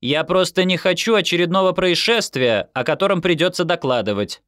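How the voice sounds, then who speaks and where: A man reading an audiobook, voicing a stern woman security officer who answers flatly and makes dry threats. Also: high voice, a little fast, no room sound, pitched above the performer's own voice. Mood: deadpan stern. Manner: flat, unimpressed, dry threats. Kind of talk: audiobook character voice.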